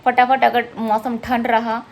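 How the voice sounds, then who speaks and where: A woman's voice: fairly high pitch, level tone, unhurried, a little hiss or hum. A woman, a single mother chatting casually in a vlog and venting about critics. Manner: chatty, venting, switches to soft talk with her child.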